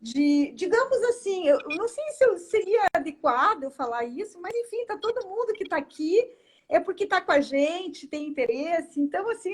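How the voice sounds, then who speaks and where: High-voiced woman. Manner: halting, tearful at moments, many fillers. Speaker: guest, lawyer and constellation practitioner. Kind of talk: emotional personal storytelling in a live chat.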